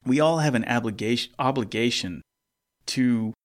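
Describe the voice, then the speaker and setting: A man's voice: mid-range voice, normal speed. A man in his fifties hosting an interview podcast, reflecting at length with enthusiasm. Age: 50s. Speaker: podcast host.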